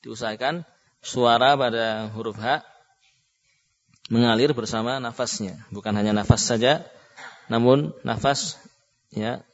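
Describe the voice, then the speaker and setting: A man leads a recitation class, chanting each example word very slowly. Between examples he explains patiently and keeps saying "ya" and "nah". The recording is dull and lo-fi, with a long echo from a big hall. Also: medium pitch. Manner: slow, drawn-out chanting of example words. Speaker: Quran recitation teacher. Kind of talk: classroom instruction with call-and-repeat.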